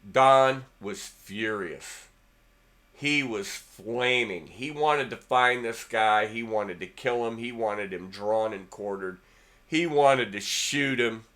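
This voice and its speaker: Middle-aged male guitar host, bright edge to the voice, casual rambling storyteller. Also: on the low side, slow. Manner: rambling, anecdotal, repeats words.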